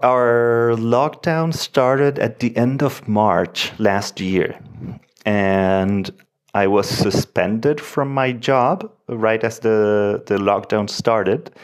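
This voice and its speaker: A man's voice: on the low side, drawn-out words. A young Chilean man whose first language is Spanish, a lawyer answering interview questions in a hesitant, thoughtful way. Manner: hesitant, restarts phrases, thoughtful.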